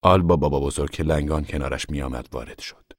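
A man reading a novel aloud in calm, measured scripted narration. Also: a bass voice, dry recording, clean studio sound. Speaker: audiobook reader.

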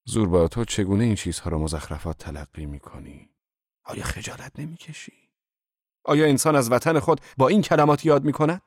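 In an audiobook reading, a man voices an earnest, educated young man who asks questions indignantly. His medium-pitched delivery is raised above his natural voice yet stays close to everyday speech, captured in a dry, clean studio recording.

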